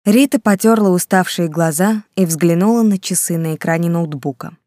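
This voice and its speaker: A woman narrating a novel as an audiobook in a calm, even storytelling manner. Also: lowish voice, normal speed, no room sound, studio quality.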